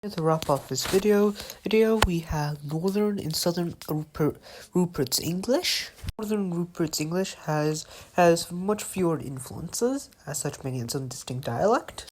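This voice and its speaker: A woman's voice: lowish voice, expressive, a little slow, a little mellow, poor audio. A woman hosting a casual narrated explainer video, often repeating and restarting words as she reads along. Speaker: video host.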